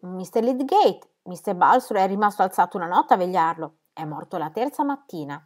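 A woman's voice: mid-range voice, expressive, fairly quick, a little mellow, close to an everyday voice. A woman voicing a gossipy male draper who eagerly passes on news. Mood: newsy.

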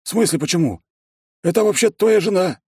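A man's voice: high-pitched, expressive, a little fast, creaky, dark tone, slightly rough, no echo, studio quality, pitched above the performer's own voice, exaggerated voice. A man voicing a cheeky male half-pixie secretary in an audiobook, with a teasing, coaxing, nonchalant manner. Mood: needling. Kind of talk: audiobook character voice.

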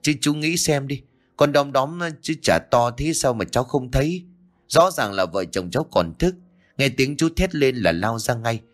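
A man's voice: mid-range voice, expressive, moderate pace, voice pushed up, natural voice. A man voicing a young village husband in a ghost story, speaking with a trembling stammer. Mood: nervous.

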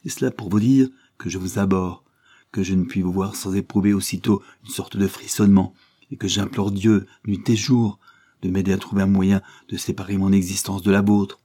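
A man's voice: sits low, fairly even intonation, moderate pace, mellow. A man reading an audiobook, voicing an indignant noblewoman who scorns her husband, speaking vehemently in a raised voice.

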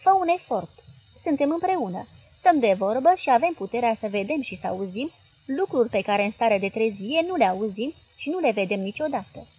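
A woman reading the part of an intense male hypnotist who coaxes and commands a girl in a trance, in a husky voice. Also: a little high, animated, darkish tone, rough recording. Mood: urging. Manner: insistent, urging.

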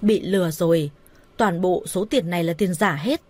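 A woman's voice: on the low side, normal speed, darkish tone, lightly acted. A woman voicing a greedy, violent young man who snaps harsh, scornful insults. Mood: furious.

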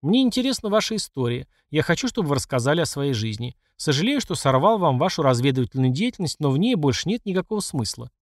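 A man voicing a bald aging emperor who speaks with polite, ironic calm. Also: a little high, dry recording, clean studio sound. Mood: amused calm. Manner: politely teasing, unhurried.

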